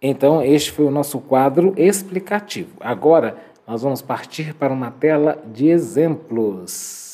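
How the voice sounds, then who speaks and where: A man teaching English to Portuguese speakers in a recorded lesson, slowly modeling phrases for students to repeat. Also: mid-range voice, lively intonation, mellow. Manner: slow, drawn-out modeling of English phrases for repetition.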